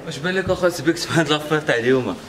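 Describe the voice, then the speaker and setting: A young man with a Moroccan accent, talking in a lively, pleading, boasting way. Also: on the high side, rapid-fire, echoey room, distant mic, music in the background, natural voice.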